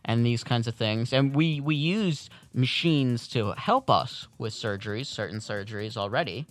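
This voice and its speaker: A man's voice: medium pitch, moderate pace. A man hosting a casual morning radio interview in a studio, questioning his guest and pushing back on the answers, his voice rising when he is worried. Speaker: radio show host.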